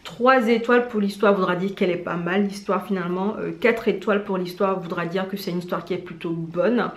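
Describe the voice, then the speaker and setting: A woman vlogger chatting casually in an animated, slangy, self-mocking way as she gives recommendations. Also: medium pitch, brisk. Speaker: vlogger presenting drama recommendations. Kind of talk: casual chat to camera. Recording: roomy indoor echo.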